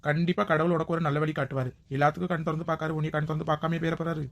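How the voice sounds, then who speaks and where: A woman playing a sharp-tongued village woman. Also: deep voice, little pitch movement, very fast, slight background noise. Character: outspoken village woman, bold and joking. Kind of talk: village comedy skit acting.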